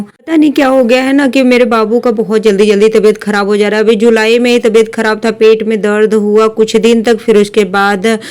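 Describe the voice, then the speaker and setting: A woman's voice: a little high, a little mellow. Chatty woman vlogging at home. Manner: chatty, homely, rambling with fillers. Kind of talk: casual home vlog chat. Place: home kitchen.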